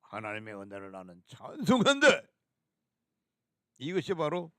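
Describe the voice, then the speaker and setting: A man's voice: mid-range voice, wildly swooping pitch, sharp tone, dry recording, clean studio sound. A man preaching a fiery sermon, scolding harshly and hurling coarse insults. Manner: sings a hymn slowly.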